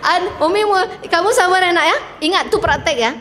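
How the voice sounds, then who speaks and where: A middle-aged woman preacher gives a lively religious talk, acting out spouses' lines and mixing in English phrases. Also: very high-pitched, fairly quick, big-room sound, background noise. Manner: animated, mixes in English phrases, acts out couples' lines.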